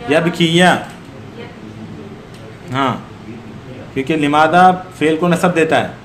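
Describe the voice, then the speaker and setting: Higher-voiced man teaching grammar in an echoey room. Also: slow pace, fairly bright tone. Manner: quizzes students, corrects patiently. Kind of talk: online Arabic grammar class.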